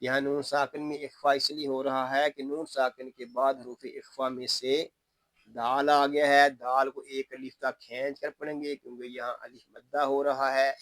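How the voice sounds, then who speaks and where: A man teaching Quran recitation rules word by word, patiently explaining each rule and chanting the verses in long, drawn-out tones. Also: medium pitch, flat delivery, a bit bright, dry recording. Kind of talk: tajweed lesson, word by word.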